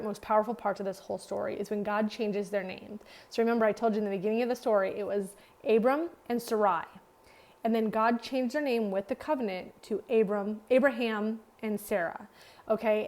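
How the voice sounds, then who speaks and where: A woman's voice: mid-range voice, a little mellow. A woman leading a Bible study, teaching earnestly, asking her listeners questions and stacking repeated phrases for emphasis. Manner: speaks directly to listeners with rhetorical questions. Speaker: Bible study leader and ministry founder.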